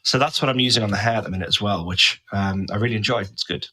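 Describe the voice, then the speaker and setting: A man's voice: on the low side, quick pace, pushed and bright, breathy edge, poor audio. A man as a podcast guest in casual interview chat, talking enthusiastically and gushing about products. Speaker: guest, brand creative officer.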